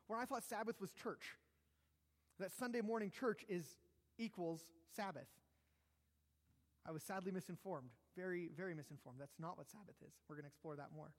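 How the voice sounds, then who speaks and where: A man preaching a sermon, conversational and self-deprecating, with jokes and asides. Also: sits high. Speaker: pastor. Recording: long hall reverb.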